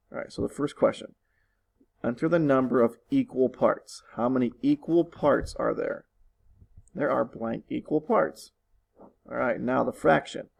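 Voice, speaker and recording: A man's voice: mid-range voice, gravelly, darkish tone, rough recording. A man teaching his students from his living room, walking them through test questions patiently and repeating instructions. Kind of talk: recorded online lesson walkthrough.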